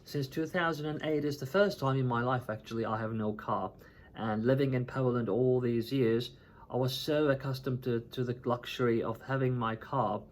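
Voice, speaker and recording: A man's voice: medium pitch, steady tone, moderate pace. A man from Turkey talking casually to the camera as a vlogger, chatty and often checking in with "right?" and "you know".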